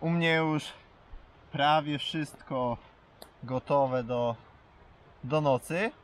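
A man talking casually to the camera as a vlogger, halting and pausing mid-sentence. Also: a little high. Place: outdoors at a lakeside campsite. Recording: faint wind and outdoor noise.

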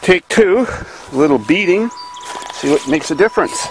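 A man in his own easygoing voice talks through an old car in a grassy field, folksy and quick with a joke. The sound is camera audio taken outdoors, with a steady hiss of noise underneath. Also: fairly high pitch. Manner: folksy, joking, running commentary while working. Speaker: car channel host. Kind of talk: casual hands-on vlog narration. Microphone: handheld camera mic.

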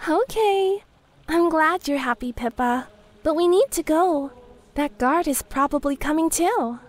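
A man doing Lumi, a bubbly high-voiced young woman. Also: animated, unhurried. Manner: bubbly, high and breathy, faux-whimpering when playing lost. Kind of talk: fan audiobook reading.

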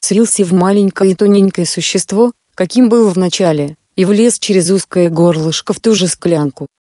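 Mellow woman reading a fairy tale. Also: lowish voice, no echo, clean studio sound. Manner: steady, measured storytelling. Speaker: narrator.

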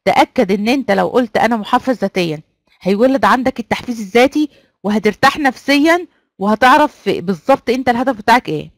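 A woman's voice: a little high, lively intonation, fast talker, no echo. Egyptian woman coaxing an online class. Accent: Egyptian Arabic. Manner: coaxing, repeats prompts to the class. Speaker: online trainer.

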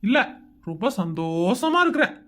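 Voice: medium pitch, sing-song, fairly bright tone. A performer voicing a young husband in a Tamil cartoon, grumbling and sarcastic about his in-laws. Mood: exasperated. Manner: grumbling, sarcastic, quick complaints.

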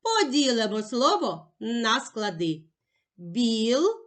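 A woman teacher giving a slow, clearly articulated lesson for young children. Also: high voice, sing-song.

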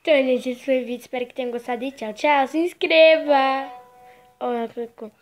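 A woman's voice: high-pitched, fairly even intonation, a little fast, soft background music. A woman from Brazil doing casual vlog narration, giggly and constantly addressing her viewers. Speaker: vlogger.

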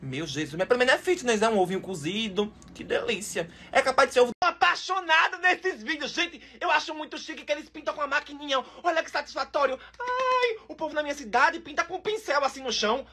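A man with a Northeastern Brazilian accent giving comic reaction commentary on videos, full of quick exclamations and mock outrage. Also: very high-pitched, pushed and bright.

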